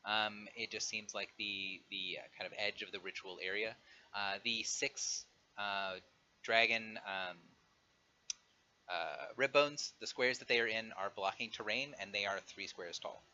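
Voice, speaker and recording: Game master with a bright, sharp voice. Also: male voice, on the low side, measured pace, a little hiss or hum. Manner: relaxed, filler-heavy rules explanations. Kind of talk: running a tabletop game over a live stream. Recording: dull lo-fi stream audio.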